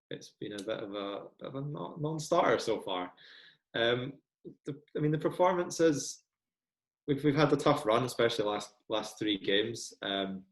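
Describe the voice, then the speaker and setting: A man's voice: fairly low pitch, roomy sound, rough recording. A young Scottish man talking casually as a podcast guest, chatty and self-deprecating with lots of ums. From Scotland. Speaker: guest football fan.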